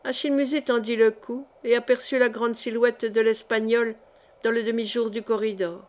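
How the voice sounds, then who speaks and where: A woman reading a historical novel aloud as an audiobook narrator, with even, clear storytelling. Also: on the high side, moderate pace. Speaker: audiobook reader.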